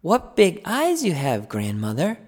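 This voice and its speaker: A man's voice: a little high, huge pitch swings, unhurried, a little mellow, long reverb tail, full character voice. A man reading a storybook aloud, voicing a sweet, innocent little girl who speaks politely and eagerly.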